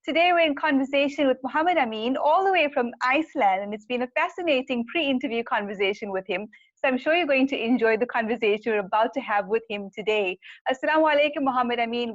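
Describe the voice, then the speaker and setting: A woman hosting an online interview, measured and scripted. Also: fairly high pitch, muffled recording. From South Africa. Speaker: host.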